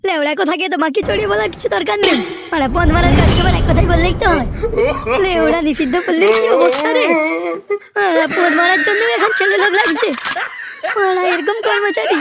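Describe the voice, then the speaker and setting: A woman voicing a hot-tempered, foul-mouthed young man in a cartoon comedy, crude, loud and mocking. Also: extremely high pitch, fast, gravelly, a loud crowd.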